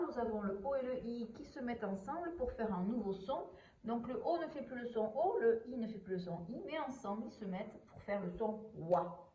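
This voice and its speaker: A woman teacher giving a slow, patient reading and handwriting lesson to young children, sounding out letters and describing each pen stroke. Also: fairly high pitch, dark tone, slight background noise, low-quality recording.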